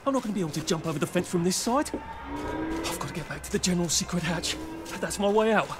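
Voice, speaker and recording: A man's voice: high voice, big pitch swings, fast talker, music in the background. A man playing a grumbling, sardonic British video game hero who mutters wryly to himself. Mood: exasperated. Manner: wry, exasperated, muttering.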